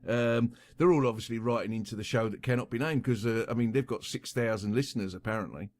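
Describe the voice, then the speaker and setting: A man's voice: mid-range voice, fast, no room sound. A man co-hosting a podcast, chatting casually and joking with lots of swearing. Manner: profane, jokey banter. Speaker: podcast co-host. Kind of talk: casual chat.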